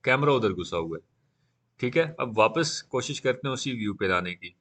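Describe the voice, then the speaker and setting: A man teaching a live beginner class on 3D software, talking casually and often saying "okay" while he works. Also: medium pitch, expressive, moderate pace. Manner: casual, repeats "theek hai" often. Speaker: 3D software instructor.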